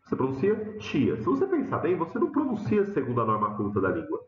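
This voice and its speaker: Male teacher, São Paulo accent, animated lecture delivery; muffled, reverberant recording. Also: fast. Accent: São Paulo Portuguese. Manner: animated, acts out students' questions with rising pitch. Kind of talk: lecture to students. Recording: dull, roomy classroom sound.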